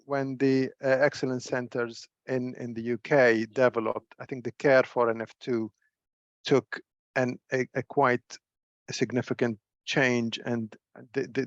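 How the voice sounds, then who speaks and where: A middle-aged man giving a webinar lecture as a neuro-ophthalmologist, measured and full of fillers and repeated words. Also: medium pitch, no echo, highs cut off. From Syria. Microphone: video call.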